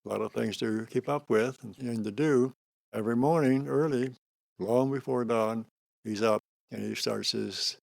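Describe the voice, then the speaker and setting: An older man teaches meditation in a spiritual discourse. His voice is on the low side with a clear gravelly creak, recorded dry. He speaks slowly and calmly, placing short phrases deliberately with unhurried pauses between them. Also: dry recording.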